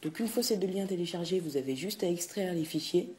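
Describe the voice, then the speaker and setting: A man's voice: high voice, lively intonation, brisk, a little mellow, a little hiss or hum. A man talking through a casual tutorial, hesitant, full of fillers and restarts, saying "tac" at each click. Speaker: video game tutorial host. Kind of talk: casual screen-recording tutorial.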